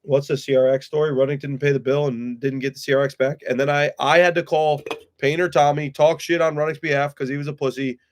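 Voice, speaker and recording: A man's voice: a little high, level tone, quick pace. A man hosting a casual live chat with friends, talking bluntly and swearing freely. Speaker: streamer host. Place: room with friends.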